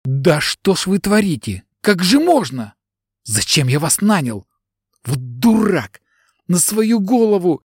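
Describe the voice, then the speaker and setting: A man's voice: on the high side, big pitch swings, normal speed, a little mellow, dry recording, clean studio sound. A man voicing a flustered, indignant middle-aged client in an audiobook, whining and defensive.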